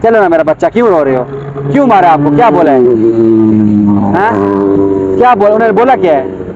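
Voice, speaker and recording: A man talks gently and coaxingly outdoors, repeating his questions. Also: high-pitched, big pitch swings, fairly quick, lo-fi sound, noisy background. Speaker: passerby filming. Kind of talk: casual street talk.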